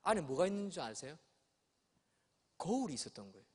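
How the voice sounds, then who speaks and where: A man's voice: on the high side, big pitch swings, a little fast, darkish tone, husky. A male pastor telling a childhood story in his sermon, acting out voices. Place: church sanctuary. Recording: long church hall reverb.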